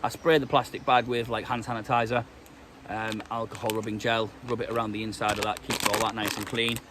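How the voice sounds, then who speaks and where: Heavy background noise surrounds this British vlogger, who has a stuffy cold and is talking outdoors in the woods. He speaks briskly in a low voice with little pitch movement, rambling casually and full of ums and restarts.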